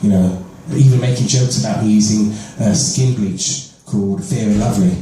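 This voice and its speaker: A man's voice: fairly low pitch, normal speed, dark tone, faint music behind. A man with a London accent performing a conversational stand-up set, often laughing at his own jokes. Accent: London English. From London, England. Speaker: stand-up comedian. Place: comedy club stage. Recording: far from mic, roomy echo, faint club ambience.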